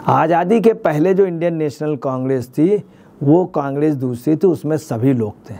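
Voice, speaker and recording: A man's voice: a little high, expressive, moderate pace, vocal fry, dark tone, a little hiss or hum. A man, a senior journalist, giving emphatic political commentary in a news interview, repeating his points.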